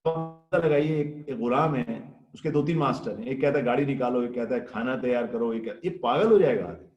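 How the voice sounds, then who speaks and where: A man giving a Ramadan sermon in a lively storytelling manner, acting out the voices he quotes. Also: mid-range voice, highs cut off, soft background music. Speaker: Islamic scholar giving a Ramadan lecture. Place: Ireland. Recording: echoey room.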